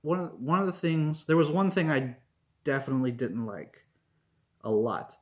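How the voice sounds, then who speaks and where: A man's voice: medium pitch, normal speed. A man giving a casual spoken review, rambling with many "like"s and "um"s and restarting his sentences. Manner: rambling, lots of fillers and restarts.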